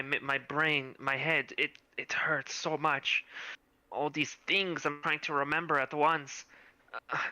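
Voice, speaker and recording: A man's voice: medium pitch, bright, forceful tone, dry recording. A man voicing a dazed young woman with a put-on Russian accent, who stammers and halts. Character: dazed young woman, just rescued, timid.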